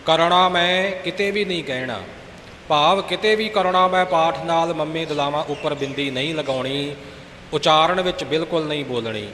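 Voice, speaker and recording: A man's voice: a little high, normal speed, sharp tone. A man teaching scripture, patiently explaining and correcting pronunciation. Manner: patient, instructive, corrects recitation point by point. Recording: echoey hall with faint hiss.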